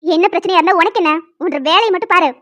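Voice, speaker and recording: A woman voicing a stern young female professor who lectures and scolds in an animated story. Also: very high voice, rapid-fire. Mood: angry.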